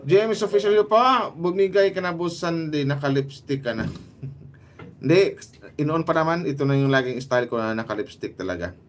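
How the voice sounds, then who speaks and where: A man with a Filipino accent chatting casually on a livestream, calling out viewers by name and tossing in quick asides. His voice sits a little high for a man, with a faint hum of room ambience behind him. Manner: lively, greets commenters by name, quick asides. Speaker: livestream host. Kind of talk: casual livestream chat reading viewer shoutouts.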